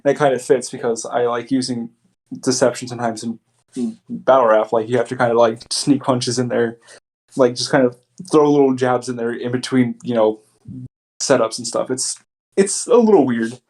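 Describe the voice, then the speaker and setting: A man's voice: medium pitch, normal speed, darkish tone. A man talking as a guest in a casual interview, laid-back and blunt, with casual swearing. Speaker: guest, battle rapper.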